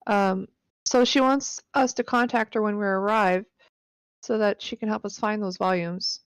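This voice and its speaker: A woman's voice: medium pitch, steady tone, normal speed, clean tone, no room sound, studio quality. A woman playing in a tabletop game, asking direct questions and reading from her clues. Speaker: player. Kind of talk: casual chat in a tabletop game.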